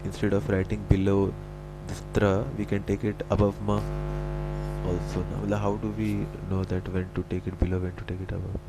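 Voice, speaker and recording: A man's voice: sits low, monotone, brisk, over loud music, poor audio. A man asking his teacher a question in an online class, hesitant and full of fillers. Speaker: student.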